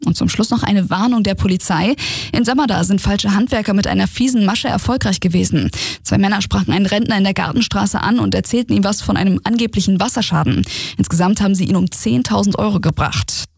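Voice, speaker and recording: A woman's voice: mid-range voice, fast, creaky, darkish tone, husky, no room sound, studio quality. A woman reading short regional news items on the radio in a scripted style. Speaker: news reader.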